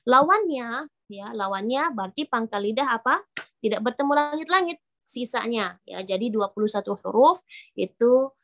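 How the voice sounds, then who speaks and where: A woman's voice: fairly high pitch, animated, moderate pace, fairly bright tone, a little hiss or hum. A woman teaching Arabic letter pronunciation, explaining patiently, repeating each point and demonstrating the sounds. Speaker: Quran recitation teacher.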